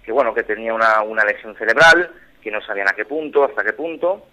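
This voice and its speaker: Earnest, bright-voiced Barcelona man. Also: lowish voice, poor audio. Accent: Spanish, from Barcelona. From Spain. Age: 30s. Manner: halting, restarts often, earnest. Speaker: caller. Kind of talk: phone-in interview.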